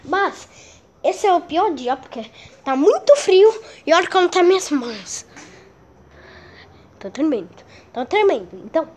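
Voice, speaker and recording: This Brazilian woman sounds very high-pitched and animated, talking at normal speed with a darkish tone. In a casual home vlog that moves through the rooms and garage, she exclaims dramatically and repeats words for effect, all in a Brazilian Portuguese accent.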